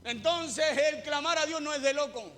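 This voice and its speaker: A man's voice: very high-pitched, moderate pace, sharp tone, long reverb tail. A man preaching a fervent sermon in a church, repeating phrases and calling on his listeners to hear him.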